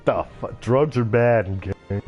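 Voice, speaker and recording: A man's voice: mid-range voice, moderate pace, darkish tone, soft background music. A man co-hosting a gaming podcast, chatting casually over a headset, cracking crude jokes and laughing often. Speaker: podcast co-host.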